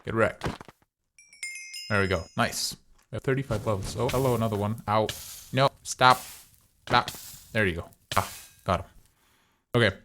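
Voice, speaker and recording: A man's voice: fairly low pitch, moderate pace, pauses often, noisy background. Man casually talking through a game. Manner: thinks aloud, chatty. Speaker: gaming video host. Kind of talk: casual gameplay commentary.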